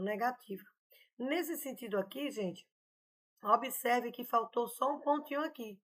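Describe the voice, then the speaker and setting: Woman teacher, chatty, explaining grammar, bit high voice, keeps asking if everyone's following. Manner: chatty, explanatory, often adding "né?" and "tá, gente?". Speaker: Portuguese teacher. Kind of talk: online grammar lesson.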